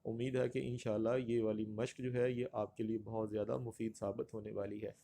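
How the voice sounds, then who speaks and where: Man drilling pronunciation in a slow lecture. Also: lowish voice, level tone, gravelly, warm tone, slight background noise. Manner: stretches and repeats words to drill their pronunciation; addresses students formally and courteously. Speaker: Urdu teacher. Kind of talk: exam-prep grammar lecture.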